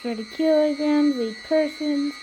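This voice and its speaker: High, slow-talking woman with clear noise. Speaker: lift tour presenter. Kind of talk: casual running commentary.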